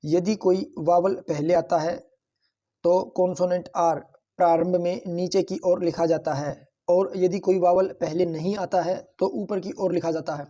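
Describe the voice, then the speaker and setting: A man's voice: high voice, steady tone, moderate pace, mellow. A man teaching shorthand, explaining each point patiently and repeating it, often addressing the viewers as friends. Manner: patient, repetitive, keeps calling viewers "friends". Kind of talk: classroom-style tutorial explanation.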